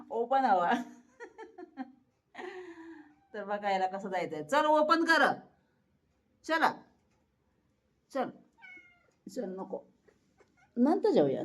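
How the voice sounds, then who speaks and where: A woman, chatting to viewers and coaxing her cat at home, laughing often. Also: medium pitch. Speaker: pet vlogger. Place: home, at a door to the terrace.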